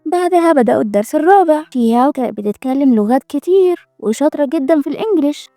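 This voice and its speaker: Fast-talking Egyptian woman narrator. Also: high voice, mellow, dry recording. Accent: Egyptian Arabic. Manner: chatty, joking asides. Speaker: drama recap narrator. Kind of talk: scripted narration.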